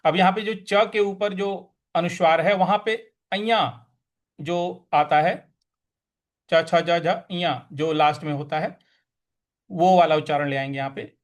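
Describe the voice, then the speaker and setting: Slow high-voiced man teaching chant. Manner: slow chanting of verses between quick spoken explanations. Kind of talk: Sanskrit verse recitation lesson.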